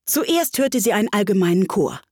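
A woman narrating a storybook with an expressive, lively reading. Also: medium pitch, moderate pace, slightly rough, dry recording, clean studio sound.

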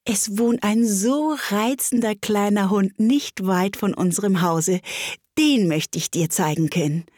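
A woman's voice: medium pitch, lively intonation, a little slow, a little mellow, slightly rough, dry recording, studio quality, pitched above the performer's own voice. A woman voicing a polite, curious young girl who chatters eagerly and apologizes in a rush.

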